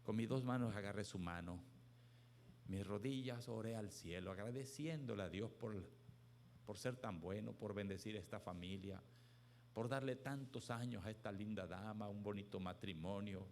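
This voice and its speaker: A man's voice: lowish voice, normal speed, slight background noise. Emphatic male pastor preaching. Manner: emphatic storytelling preacher, swinging between hushed and loud. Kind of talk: sermon.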